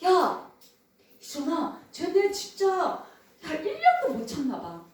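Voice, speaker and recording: A woman voicing scornful adult village gossips who mock and spread rumors in hushed tones. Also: very high voice, wildly swooping pitch, slow, full character voice. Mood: gossiping. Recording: echoey hall from far off.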